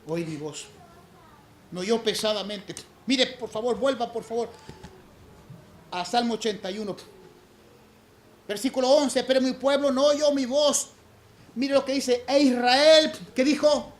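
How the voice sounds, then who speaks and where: A man preaching a sermon as pastor, swinging between loud emphasis and hushed low passages. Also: a little hiss or hum. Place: church sanctuary. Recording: echoey church room, faint ambience.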